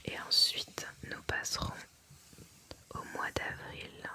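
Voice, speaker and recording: This is an ASMR reading in a pure, breathy whisper. The sound is sharp and very bright. The reader moves very slowly and carefully, leaving deliberate pauses between phrases.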